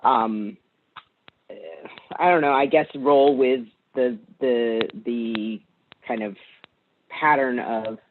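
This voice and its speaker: A man, a doctor giving public comment on a video call, whose audio keeps dropping out mid-word while he talks in a halting way. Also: mid-range voice, steady tone, slight background noise. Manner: halting, searching for words. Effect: choppy audio cutting out mid-word. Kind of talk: public comment at an online meeting. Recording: tinny phone-like call audio.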